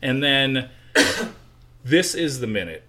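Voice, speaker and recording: A man's voice: mid-range voice, big pitch swings, takes it slowly, crowd noise. An American man hosting a podcast, talking in a laid-back, wry way. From United States. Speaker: podcast host. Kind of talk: casual chat.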